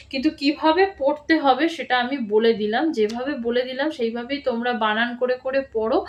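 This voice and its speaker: A woman teacher giving a patient reading lesson to young children, spelling out words slowly syllable by syllable. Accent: Bengali. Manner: asks "ঠিক আছে?" with a sharp rise in pitch.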